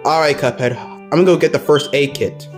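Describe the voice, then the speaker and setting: A woman voicing a calm, parental male cartoon rabbit who is firm but soothing, in a plush puppet show. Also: low-pitched, a little fast, faint music behind, voice pushed down, close to an everyday voice.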